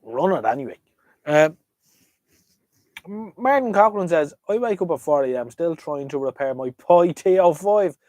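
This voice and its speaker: Vintage radios are the topic as this Irish host chats casually on a livestream, his fairly high voice expressive and a little mellow at a moderate pace. Hesitant but opinionated, he trails off and jumps from thought to thought; there's no room sound.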